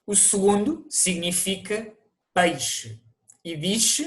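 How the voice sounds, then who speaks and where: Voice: mid-range voice, slow. A teacher with a European Portuguese accent, narrating an online language lesson and explaining things to viewers, with the odd restart.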